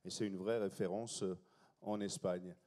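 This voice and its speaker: A man introducing chefs on a festival stage, talking in a hurried, improvised way with many restarts. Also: sits low, steady tone, dark tone. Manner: hurried, improvising, self-interrupting. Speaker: festival panel host.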